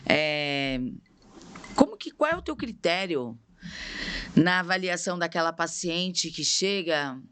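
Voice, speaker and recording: Lively curious woman podcast host. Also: fairly low pitch, slow pace, smooth. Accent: Brazilian Portuguese. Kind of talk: casual interview questions.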